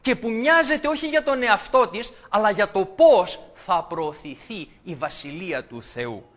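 A man's voice: high-pitched, animated, fairly bright tone. A man preaching a sermon, explaining scripture and asking his listeners rhetorical questions.

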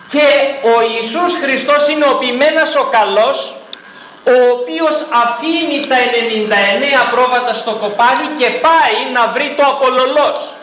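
A man's voice: very high-pitched, fairly bright tone, reverberant, a little hiss or hum, poor audio. A man preaching a sermon, reading scripture aloud and putting rhetorical questions directly to his congregation.

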